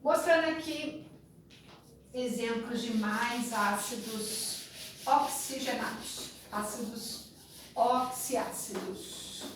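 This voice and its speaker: A woman's voice: on the high side, slow. A woman with a Brazilian Portuguese accent teaching a chemistry class in a chatty way, with a sing-song memory rhyme. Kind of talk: classroom lecture. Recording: very echoey room, distant mic, faint noise.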